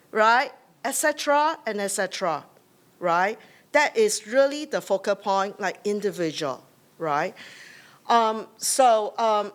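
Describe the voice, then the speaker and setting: A woman's voice: medium pitch, fairly bright tone. A middle-aged Singaporean woman speaks into a podium mic in a conference hall. Her talk wanders and is full of "uh" and "um". She keeps checking in with "right?". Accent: Singaporean English. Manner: loose, rambling delivery with frequent "right?" tags and fillers. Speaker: conference host. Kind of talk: welcome remarks at a symposium. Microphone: podium microphone.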